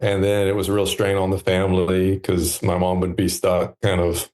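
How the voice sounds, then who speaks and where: A man in his thirties, a podcast guest talking in a relaxed, reflective way with many pauses and fillers. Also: low-pitched. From United States. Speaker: podcast guest, stand maker. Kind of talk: relaxed conversational interview.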